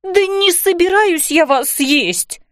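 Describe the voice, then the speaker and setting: A flustered but gentle fairy mom from a children's storybook, drawing out her spells and exclamations, voiced by a woman reader. Her voice is high and very lively, close and dry. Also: no room sound. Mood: indignant. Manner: exclamatory, slow emphatic commands.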